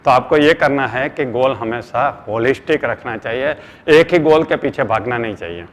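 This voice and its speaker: This middle-aged trainer with an Indian accent speaks at normal speed with medium pitch and lively intonation. His motivational seminar talk is earnest, treating the audience as friends and mixing in English phrases. Long hall reverb colors the recording.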